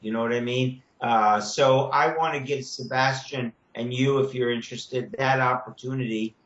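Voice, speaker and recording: A man in his seventies speaking on a video call, measured and halting, with many "you know" fillers. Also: mid-range voice, fairly even intonation, a bit bright. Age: 70s. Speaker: children's media producer. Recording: echoey, muffled video call audio.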